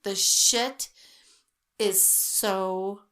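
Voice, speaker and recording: Woman, middle-aged, podcast co-host, casual chat, animated storyteller. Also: mid-range voice, extremely slow. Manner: chatty, animated storyteller with quoted voices. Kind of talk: casual chat over wine.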